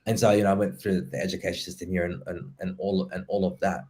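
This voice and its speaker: A man from Somalia, hosting a casual podcast interview and speaking haltingly, with many restarts and repeated words. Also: low-pitched, level tone, dark tone. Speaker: podcast host, writer and poet.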